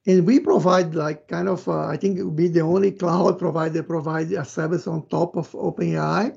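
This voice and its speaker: This Brazilian man, a native Portuguese speaker with a Brazilian accent, gives an informal, loosely phrased tech presentation in a conversational style. His voice is a little high, steady, brisk and slightly rough, with vocal fry and a darkish tone. The audio is dull, muffled and lo-fi.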